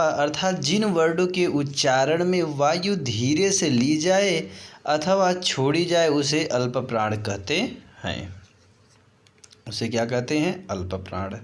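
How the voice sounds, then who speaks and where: A man gives a grammar lesson at an unhurried pace. His voice sits a little high for a man. He repeats terms, asks his listeners questions and drops in the odd English word. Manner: slips in English words. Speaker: teacher.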